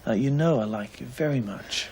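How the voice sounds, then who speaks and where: An actor playing a friendly young man who gently coaxes a prisoner to open up, in a soothing, persuasive manner. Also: medium pitch, moderate pace, a little hiss or hum, close to an everyday voice. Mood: earnest. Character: friendly young male visitor, gentle and coaxing. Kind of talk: 1980s television drama acting.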